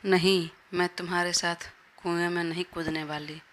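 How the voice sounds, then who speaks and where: A woman's voice: lowish voice, flat delivery, moderate pace, fairly bright tone, close to an everyday voice. A woman voicing a stubborn, playful young wife who teases, in a Hindi audio story.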